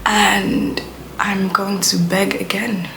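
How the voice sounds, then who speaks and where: A young woman from Belgium, a native Dutch speaker, rambles through a casual vlog rant in a mid-range, gravelly voice. She talks slowly with a level tone, chatty and leaning heavily on "like," while music plays underneath.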